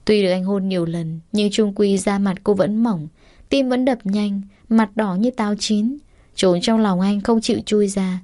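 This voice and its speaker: A woman narrating a romance story aloud in an even, steady reading voice. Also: medium pitch, moderate pace, no echo, clean studio sound.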